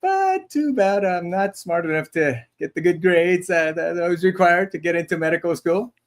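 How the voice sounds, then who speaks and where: A man's voice: high-pitched, lively intonation, moderate pace. Chatty self-deprecating male co-host. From Taiwan. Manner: chatty, self-deprecating, many restarts and laughs. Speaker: podcast co-host. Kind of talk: casual livestream chat.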